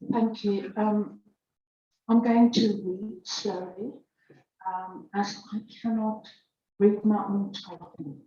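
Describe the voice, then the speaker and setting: Speaking slowly with a mellow, mid-range voice and fairly even intonation, an Afrikaans-speaking church member shares her testimony. Her delivery is emotional, halting and full of self-corrections, captured by a dull mic far off in an echoey church hall.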